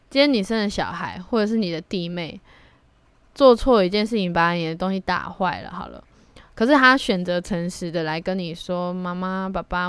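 A woman's voice: mid-range voice, clear, resonant tone, no room sound. A young woman hosts her own solo podcast, speaking candidly and reflectively and slipping in blunt slang. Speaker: podcast host. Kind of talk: casual solo podcast monologue.

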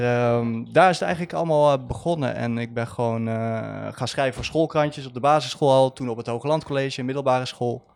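A young man from the Netherlands speaks as a journalist guest on a podcast. His voice has a gravelly, creaky edge and a medium pitch. He tells his story loosely and casually, dropping in slang.

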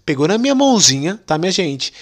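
A man voicing a kind female schoolteacher who speaks softly and with care. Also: on the low side, very animated, fast talker. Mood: caring.

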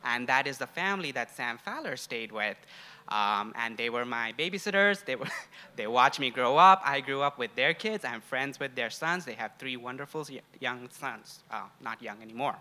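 Speaking to the congregation as a guest preacher, this young grad student from Sri Lanka and India shares personal stories in a relaxed, conversational sermon. His mid-range voice is expressive and sharp, at a moderate pace.

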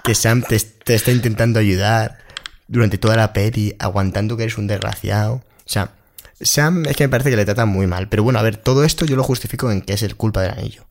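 A man co-hosting a casual podcast, rambling with restarts and animated retellings. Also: lowish voice, brisk, a little hiss or hum. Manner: rambling, restarts and acted-out quotes. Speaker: podcast co-host. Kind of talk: casual chat.

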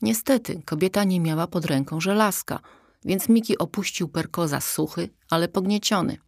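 A woman reading a children's story aloud with calm, even narration. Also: fairly low pitch, moderate pace, gravelly, no room sound, studio quality. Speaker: audiobook reader.

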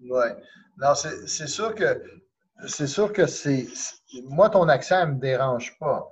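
A man with a Québécois French accent, a karate instructor chatting as an interview guest in a warm, encouraging way and slipping in English phrases. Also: mid-range voice, lively intonation, slow pace, a little hiss or hum, poor audio. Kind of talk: casual interview chat.

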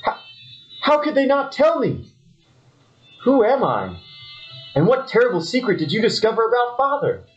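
A man's voice: extremely high pitch, huge pitch swings, normal speed, pauses often, highs cut off, soft background music, heavily acted. A man voicing a naive, lovesick young brother in a parody soap opera, whiny and melodramatic.

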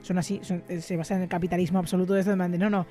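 A woman's voice: fairly low pitch, little pitch movement, racing, dark tone, soft background music. A woman podcast co-host speaking Spanish with a Catalan accent in outspoken casual chat, swearing freely.

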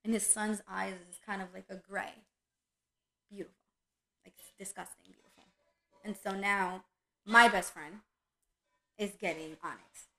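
A woman in casual chat, telling lively stories about her dogs and acting out their voices. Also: mid-range voice, a little slow, gravelly, long pauses, poor audio. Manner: animated storyteller, acts out her dog's voice. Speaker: dog breeder.

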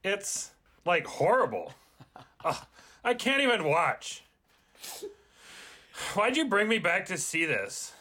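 A man's voice: high voice, very animated, slow, pauses often, bright, forceful tone, heavily acted. A man voicing a ditzy, whiny Valley Girl time traveler in a comedic table read, with a put-on Valley Girl accent and constant "like" fillers. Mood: grossed out. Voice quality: whiny, filler-heavy "like" speech.

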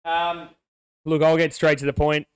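Smooth-voiced Aussie bloke telling stories. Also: male voice, on the high side, moderate pace, dry recording. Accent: Australian. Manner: animated storyteller, rambling. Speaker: podcast co-host. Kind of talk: casual sports podcast chat.

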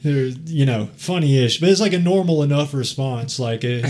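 A man's voice: a little high, normal speed, a little mellow. A man hosting a podcast, telling a long story in a rambling, casual way, laughing often and swearing freely. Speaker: podcast host.

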